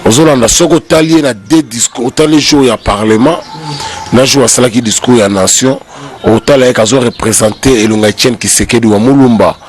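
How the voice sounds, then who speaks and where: A man's voice: mid-range voice, brisk. A Congolese man speaking as a guest commentator in a heated political debate, emphatic and repeating his key points. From Congo (DRC). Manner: emphatic, repeats key phrases, voice climbs when arguing.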